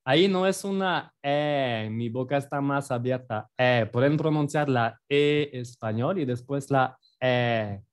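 A man's voice: mid-range voice, unhurried, few pauses. A French man with a French accent teaching a language lesson in a playful, self-deprecating way, explaining with examples.

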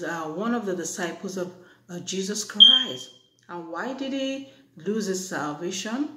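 A preacher giving an earnest, exhorting Bible teaching, with many pauses and fillers. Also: medium pitch, fairly bright tone. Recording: echoey room.

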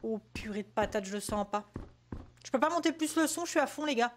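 A French woman streamer talks her viewers through a horror game, reacting out loud to every scare. Her voice sits high for a woman and has a faint hiss behind it. She is chatty and jumpy, keeping up a running commentary. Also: animated, fairly quick. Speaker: gaming streamer. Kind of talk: casual let's-play commentary.

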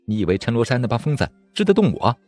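Sneery proud martial-arts witch lady, a guy putting her on, raised husky voice, bouncy. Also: medium pitch, big pitch swings, fast talker, faint music behind, pitched above the performer's own voice. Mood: scornful. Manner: sneering, sharp and impatient. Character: cold scornful young female demon swordswoman.

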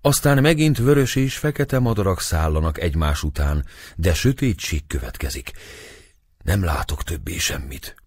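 An eerie old fortune-teller woman, as a male narrator puts her on chants her prophecies in a husky, lifted voice. The reading is dry and close, straight from an audiobook. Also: sits low, lively intonation, no room sound. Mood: ominous prophecy.

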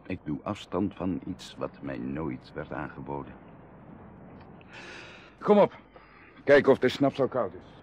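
A male actor in a Dutch radio drama voices a proud but impoverished aristocratic bachelor, confiding and passionate, moving emotionally between hushed lines and outbursts. His low, exaggerated voice sounds resigned, slow with frequent pauses and big pitch swings, over a little hiss or hum.

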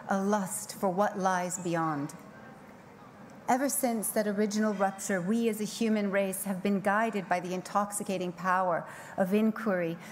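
A middle-aged woman giving a scripted keynote speech from a podium on a large conference stage, with a measured, poetic delivery and slow emphatic pauses. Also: medium pitch, a little hiss or hum. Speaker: keynote speaker. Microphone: podium microphone.

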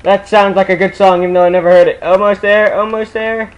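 A young man chatting casually while playing a co-op game, excitable and quick to break into laughter. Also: high-pitched, dull audio. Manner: excitable, bursts into loud laughter and shouts. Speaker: gamer recording co-op play. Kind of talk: casual gaming chat.

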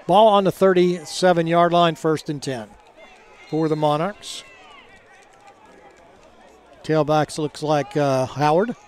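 A man doing live football play-by-play commentary in a halting, conversational way. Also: on the high side. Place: outdoor college football game. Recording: crowd noise behind, outdoor stadium. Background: game crowd.

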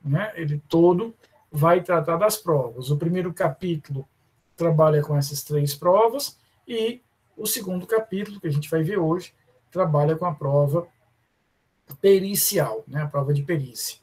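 A man with a Brazilian accent teaching a live online law class, often calling students by name and slowing down to stress terms. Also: fairly high pitch, a little mellow, slightly rough. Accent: Brazilian Portuguese. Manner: addresses students by name, many fillers and restarts. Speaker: law professor.

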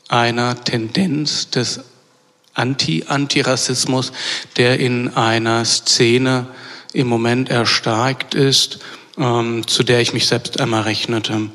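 A man delivers an academic lecture at an ordinary middle pitch. He speaks in a measured way, pausing on fillers and correcting himself mid-phrase. A long reverb of a lecture hall follows every word. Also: a bit bright. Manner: measured, with frequent hesitation fillers and self-corrections.

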